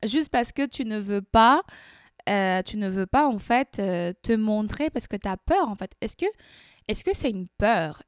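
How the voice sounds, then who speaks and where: A young woman with a Portuguese accent, a content creator talking straight to her viewers in a casual advice monologue, animated and acting out little dialogues. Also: mid-range voice, dry recording, studio quality.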